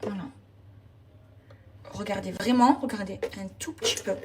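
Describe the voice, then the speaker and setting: A woman's voice: mid-range voice, fairly even intonation, moderate pace, background noise. A woman chatting casually and emphatically to her followers while doing housework at home. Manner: chatty, emphatic, slangy, addresses viewers as girls. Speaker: lifestyle vlogger. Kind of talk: casual daily vlog chat to followers. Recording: distant mic with household cleaning clatter.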